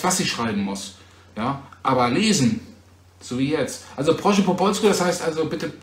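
A man from Germany chats with his viewers on a livestream recorded on a phone. His voice sits a little high, and he talks in a teasing, chatty way, often checking back with a quick "ja?". The room around him sounds echoey. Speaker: livestream host. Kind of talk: casual livestream chat answering viewers. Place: home in Poland.

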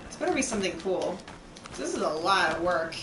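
A woman's voice: on the low side, big pitch swings, a little fast. A woman streamer joking and swearing as she plays a video game on a livestream. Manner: profane, playful, joking. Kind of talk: casual gameplay commentary. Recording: echoey, distant, noisy.

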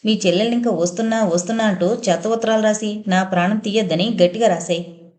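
A woman's voice: medium pitch, steady tone, quick pace, darkish tone, lightly acted. A woman voicing an impatient young man who rattles off irritated complaints. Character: impatient young man, grumbling brother-in-law.

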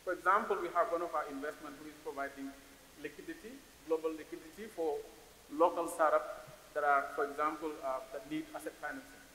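A man's voice: fairly high pitch, fairly even intonation, fast talker, pushed and bright. Senegalese man speaking in an echoey hall. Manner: thoughtful, repeats words while searching for phrasing. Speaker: investor panelist. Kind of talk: conference panel discussion. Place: large conference hall stage. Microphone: stage microphone on a stand. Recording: roomy hall reverb with faint hiss.

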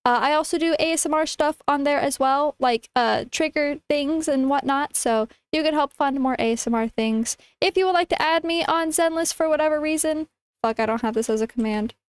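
High-pitched, cutesy young woman streamer. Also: brisk, no room sound. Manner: cutesy, informal, affectionate wording. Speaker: livestreamer, VTuber. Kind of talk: casual livestream chat to viewers.

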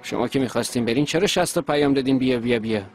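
A man's voice: mid-range voice, a little mellow, faint music behind, natural voice. A man dubbing a hot-tempered young male boxer, speaking in a curt, irritable way. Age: young adult. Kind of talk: dubbed TV drama dialogue.

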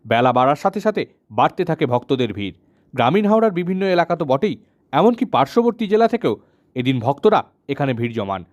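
A male news reporter with a West Bengal accent narrates a scripted report. He speaks very quickly in a slightly high voice. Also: big pitch swings.

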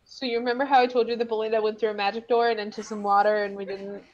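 A woman player at the table, recapping the scene for others. Her voice sits a little high, and her explanations ramble. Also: little pitch movement, very fast, highs cut off. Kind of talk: casual tabletop play.

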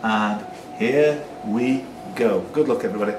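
Over music, a man with a lowish voice talks at normal speed as he runs a live pub quiz inside a pub. Between questions he adds chatty jokes, and the recording is echoey and noisy, taken from a distant microphone.

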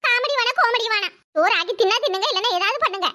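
A teasing, sharp-tongued cartoon mother-in-law, voiced by a woman, who scolds in a rapid rush. Her voice sits very high and sounds bright and crisp. She speaks with a Kanyakumari Tamil accent. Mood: bantering. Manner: scolding, bantering, rapid chatter. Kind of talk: cartoon voice acting.

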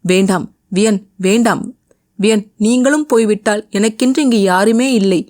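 A woman's voice: mid-range voice, moderate pace, a little mellow, pitched above the performer's own voice, natural voice. A woman voicing a young heroine in an audio novel, tearful and pleading with her beloved.

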